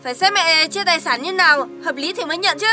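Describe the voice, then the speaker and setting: A woman's voice: very high voice, fast talker, soft background music. A woman playing a scheming young wife who argues indignantly with her sister-in-law over who cares for the mother. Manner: sharp, indignant. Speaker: daughter-in-law.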